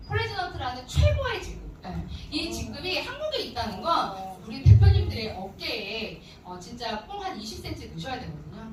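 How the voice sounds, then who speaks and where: A woman giving a motivational business lecture who often puts questions straight to her audience. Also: high voice. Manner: animated, addresses audience directly with questions. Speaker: business seminar speaker. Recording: echoey hall from far off with music.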